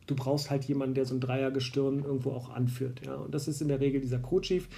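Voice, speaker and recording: A man's voice: mid-range voice, steady tone, fast, gravelly, dark tone. A man from Berlin, a basketball referee, explaining rules at length in a casual conversation, with many fillers and restarts.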